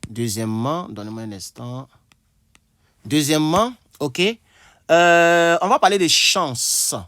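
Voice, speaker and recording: A man teaching an English lesson at a board, slowly repeating himself and thinking aloud. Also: fairly high pitch, fairly bright tone, clean tone, no room sound, clean studio sound. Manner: slow, repetitive, thinking aloud with asides.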